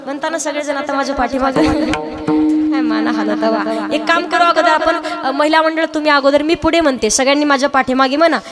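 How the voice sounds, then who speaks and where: A woman's voice: high voice, a little fast. A woman preaching a devotional kirtan with a Marathi accent, singing lines and then leading the crowd in call-and-response with joking commands. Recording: live event with loud music and crowd. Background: loud harmonium, drums and crowd.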